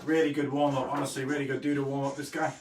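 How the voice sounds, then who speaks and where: A man's voice: mid-range voice, level tone, quick pace. A man chatting casually as he hosts a live drawing lesson, easygoing in manner, pronouncing his r sounds like w. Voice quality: says w for r. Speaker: host of an online drawing lesson. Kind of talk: casual live-stream chat while drawing. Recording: roomy echo, distant mic, faint noise.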